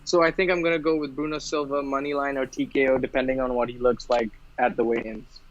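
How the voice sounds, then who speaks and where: A man from India co-hosting a casual podcast chat about fight bets, talking in quick rambling runs full of restarts. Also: medium pitch, level tone. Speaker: podcast co-host. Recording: dull, dry, lo-fi sound.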